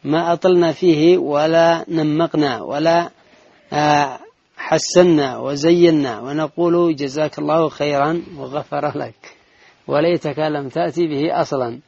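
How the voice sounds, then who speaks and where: Gravelly flat-voiced man reading aloud. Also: a little high, no room sound. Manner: measured recitation with brief asides. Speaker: reader of the text in a lesson. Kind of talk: reading a religious text aloud. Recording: dull lo-fi dry recording.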